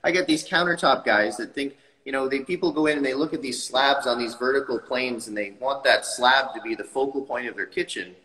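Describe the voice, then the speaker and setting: A man's voice: medium pitch, fairly quick, hardly any pauses, in a large hall, rough recording. A man in his thirties, a tile company owner, talking enthusiastically on a video call from his showroom. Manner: enthusiastic, animated hand gestures. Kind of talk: casual interview talk. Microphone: video call webcam.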